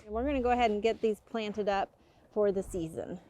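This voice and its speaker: A woman's voice: medium pitch, fairly quick, mellow, slight background noise. A woman who hosts a gardening show, explaining planting steps in a friendly way and interviewing a guest. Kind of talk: instructional gardening talk and interview.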